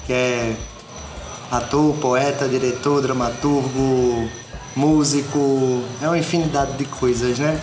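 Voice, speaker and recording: A man's voice: medium pitch, fairly even intonation, takes it slowly. Casual male interviewer, echoey room. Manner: eager, casual, short affirmations. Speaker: interviewer, host. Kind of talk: friendly interview. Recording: echoey room with music behind.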